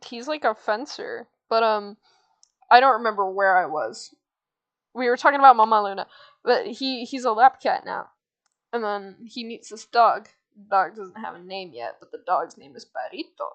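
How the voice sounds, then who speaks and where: A woman's voice: on the high side, normal speed, a bit bright, lo-fi sound. A woman streamer chatting casually while drawing, rambling through a loose retelling with fillers.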